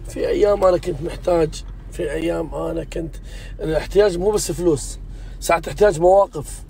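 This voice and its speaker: This vlog host's voice is on the high side, fast, creaky, and a little mellow as he chats casually with a friend in a car. He stays earnest and insistent, swearing he means it.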